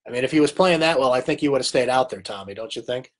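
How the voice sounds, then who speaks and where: An animated, fast-talking man with a mid-range voice hosts a live sports recap stream. Casual, chatty and opinionated, he reads viewer comments aloud and replies to them even as a cold wears his voice down.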